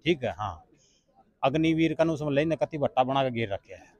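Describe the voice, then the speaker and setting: A man's voice: mid-range voice, animated, moderate pace, darkish tone, no echo. A young man, answering questions outdoors into a handheld mic, blunt and complaining. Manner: blunt, complaining, plain-spoken. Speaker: army recruitment candidate. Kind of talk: casual interview answers. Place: outdoors in a crowd near a stadium. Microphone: handheld mic held by interviewer. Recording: crowd noise behind.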